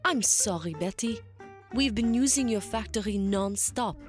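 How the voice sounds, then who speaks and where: A woman playing a gentle, reasonable ship doctor who talks calmly and considerately in a sci-fi audio drama. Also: mid-range voice, measured pace, soft background music, natural voice. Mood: calm, apologetic. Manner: calm, considerate.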